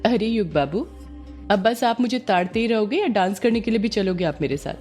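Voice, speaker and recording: A woman's voice: medium pitch, animated, fairly quick, a little mellow, faint music behind, pitched above the performer's own voice, lightly acted. A woman voicing a playful, teasing young fisherwoman in an audio story, coaxing and affectionate.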